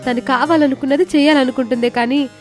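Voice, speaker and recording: A woman's voice: high voice, fairly even intonation, fairly quick, soft background music, natural voice. A woman as an earnest caring older sister. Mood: hurt. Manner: earnest and pleading. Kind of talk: audio story dialogue.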